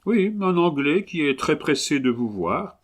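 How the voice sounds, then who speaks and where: A man's voice: on the high side, very animated, a little slow, pitched above the performer's own voice. A man voicing a coarse, blunt young stable boy with a vulgar way of speaking.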